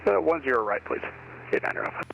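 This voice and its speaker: A man's voice: mid-range voice, very animated, fast talker, creaky, dull audio. A man speaking as a pilot over aviation radio in clipped readbacks. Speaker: flight simulator pilot on radio. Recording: radio transmission, music behind.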